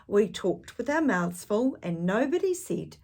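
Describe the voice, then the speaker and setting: A woman hosts storytime for children, giving a picture book an expressive reading along with animated, gasping, hushed asides of wonder. Her mid-range voice is unhurried.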